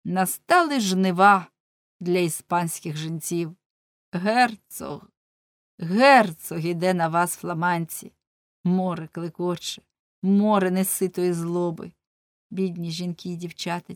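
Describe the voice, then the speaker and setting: A woman's voice: lowish voice, dry recording, lightly acted. A woman reading a bold young jester's warnings. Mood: lamenting. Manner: pleading, urgent, mocking warnings. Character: bold young male jester, prophet of doom.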